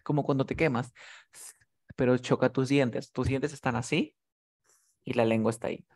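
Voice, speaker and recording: Man, English tutor, patient, demonstrates each sound, mid-pitched voice. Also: steady tone, moderate pace, a little mellow. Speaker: English teacher. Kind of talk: one-on-one pronunciation lesson.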